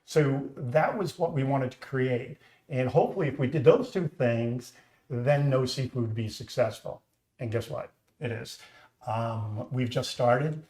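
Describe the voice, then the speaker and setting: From his home kitchen, where the sound echoes, a Boston-accented, middle-aged company founder hosts a laid-back live stream, telling his story earnestly and chattily. He speaks at a measured pace in a medium-pitched voice with a dark tone.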